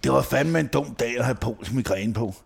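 A man's voice: mid-range voice, gravelly, husky. A man telling comic stories in a slangy, profane way, with casual asides, as a podcast co-host. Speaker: podcast co-host reading a satirical diary.

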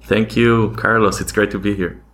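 A man from Argentina, a podcast guest, answering in a thoughtful, steady way with frequent ums. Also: fairly low pitch, normal speed. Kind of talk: interview answers.

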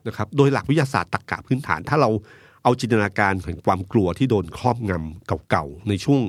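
A man's voice: fairly low pitch, a little fast, slightly rough, no echo, clean studio sound. A man commenting on politics in a talk show discussion, arguing his points with vivid analogies. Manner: animated, argumentative, uses vivid analogies.

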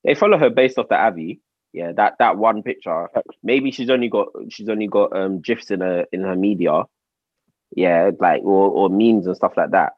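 Young male podcast host, London roadman accent, lowish voice, slangy explainer, very dry acoustic. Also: moderate pace, no echo, muffled recording. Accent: London, urban roadman slang. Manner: slangy, argumentative, spells out points. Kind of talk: casual explaining and chat.

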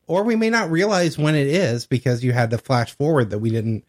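Speaking a little fast in a mid-range voice, a man co-hosts a podcast, keeping the discussion casual and conversational.

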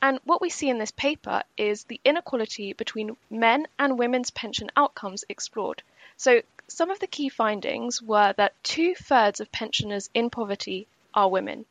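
A woman co-hosts a podcast, working through a scripted roundup of pension news at a measured, explanatory pace. Her voice sits fairly high and carries a gravelly fry, and the recording is dry and close with no room sound. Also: a bit bright, dry recording. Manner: measured and explanatory, slowing for key points. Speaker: podcast co-host.

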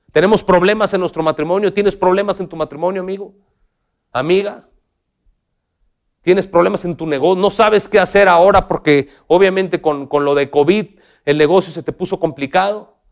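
A man preaching a sermon, speaking straight to the listener with questions, dropping to soft low lines and then lifting into raised, emphatic passages.

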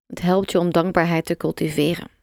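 Calm, gravelly-toned meditation guide woman. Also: fairly low pitch, dry recording, clean studio sound. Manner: slow, soft and calm, with long pauses.

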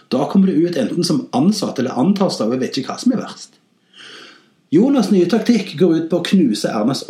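A man tells comic tales and satirical takes on a podcast, his pitch leaping up and down in an animated way. He slips in dry, sarcastic jabs, and his voice sits a little high for a man. The recording has a roomy echo. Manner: animated, with big swings in pitch and loudness. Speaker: comedy podcast host. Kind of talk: comic storytelling and satirical commentary.

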